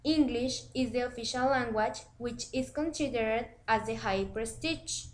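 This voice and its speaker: Woman reading out a lesson script, pretty high voice, really slow and careful. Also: slight background noise, poor audio. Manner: deliberate, reading aloud. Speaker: presenter.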